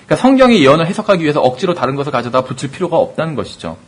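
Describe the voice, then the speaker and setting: A man teaching a Bible study, his voice a little husky and pitched high. He moves quickly, leaning on rhetorical questions as he explains each point. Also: sing-song.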